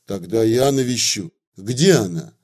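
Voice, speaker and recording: A man's voice: lowish voice, lively intonation, a little slow, darkish tone. A man reading aloud and voicing a sly visiting official who speaks curtly and in a businesslike way. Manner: curt and businesslike.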